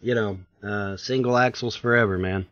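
A man's voice: lowish voice, fairly even intonation, moderate pace, a bit bright, dry recording, dull audio. A man on a podcast panel ranting in casual chat, repeating himself with animation.

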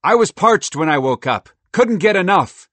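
A man voicing a chatty, bold little male squirrel in a storybook, talking loudly and excitedly. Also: a little high, moderate pace, dry recording, voice pushed up. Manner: loud, excitable and boastful. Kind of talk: storybook voice acting.

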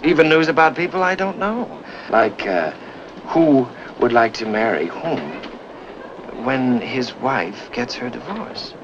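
An actor playing a smooth, ingratiating stranger who chats up a man on a train, heard from an old film soundtrack. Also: medium pitch, animated, slow pace, muffled recording, background noise. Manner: ingratiating, chatty, teasing. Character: smooth, overly familiar male stranger on a train.

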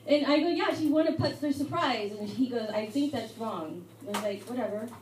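A woman's voice: fairly high pitch, distant mic, a little hiss or hum. Rambling young woman doing stand-up. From Mexico. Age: young adult. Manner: rambling, halting delivery with many fillers. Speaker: stand-up comedian. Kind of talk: live stand-up set. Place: hotel pub comedy night. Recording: echoey live room miked from afar with loud crowd. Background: audience chatter and laughter.

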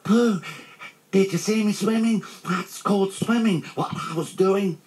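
A man voicing a tiny, excitable young kangaroo boy in a storybook, squeaky, eager and proud of himself. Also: slow, full character voice. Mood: excited, proud. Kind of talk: children's storybook reading.

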